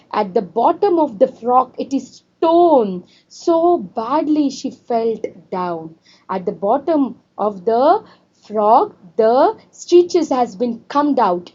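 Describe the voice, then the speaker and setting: Slow, high-voiced teacher. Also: female voice, dark tone, breathy edge, dull audio. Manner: repetitive, asks students questions. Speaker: English teacher. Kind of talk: classroom lesson explaining a story.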